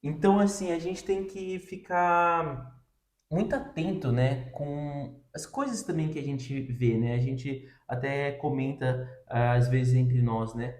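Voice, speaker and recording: Slow and reverberant, a medium-pitched male voice with a darkish tone unpacks a Bible reading. He's a co-host of a Bible reading podcast, and his relaxed, conversational explanation is thick with fillers such as "né" and "tipo assim."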